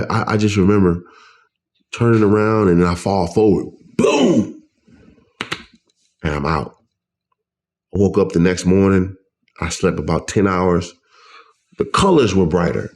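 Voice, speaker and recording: A man with a very low, deep voice tells his personal story in an interview. He speaks with strong emotion, halting and restarting as he goes. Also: a little mellow. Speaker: guest.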